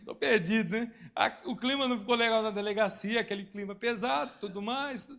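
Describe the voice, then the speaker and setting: A man's voice: high voice, brisk, creaky, fairly bright tone. A man in his forties from Brazil, a pastor telling a personal story in a church sermon, acting out voices and sound effects. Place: church hall.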